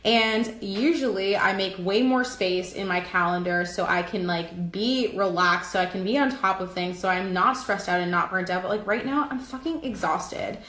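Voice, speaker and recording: A woman's voice: medium pitch, normal speed, hardly any pauses, fairly bright tone, reverberant. A young woman business coach in a casual live stream, talking to viewers in an upbeat, chatty way with lots of filler words. She is tired and losing her voice.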